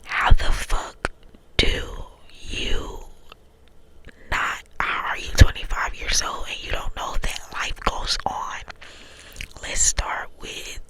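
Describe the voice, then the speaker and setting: Slow cupped-hand whisper from a young woman. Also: pushed and bright, poor audio. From small town in Texas, United States. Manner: repeats phrases over and over. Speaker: ASMR storyteller. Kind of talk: whispered ASMR storytime. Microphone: close ASMR mic, hands cupped around it.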